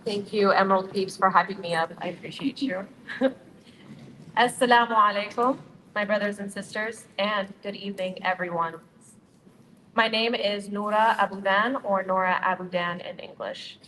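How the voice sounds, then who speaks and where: A young woman co-founder of a Utah nonprofit gives a prepared speech at a moderate pace, her mid-range voice steady and a bit bright. She's friendly and upbeat as she addresses the gathered community directly. The hall echoes and there's faint ambient noise.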